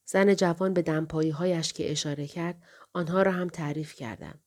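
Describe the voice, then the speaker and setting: A woman reading an audiobook story in calm, even scripted narration. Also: low voice.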